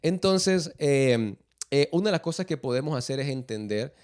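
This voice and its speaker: A man hosting a casual chat, relaxed and hesitant, with many filler sounds as he asks his guests questions. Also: mid-range voice, moderate pace, clear, resonant tone. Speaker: host.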